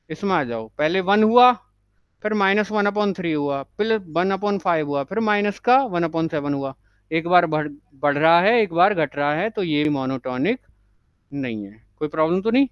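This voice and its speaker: High-voiced man teaching maths. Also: a bit bright, clear, resonant tone, no echo, highs cut off. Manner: keeps asking the class short check questions; reads English terms out slowly. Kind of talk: classroom lecture.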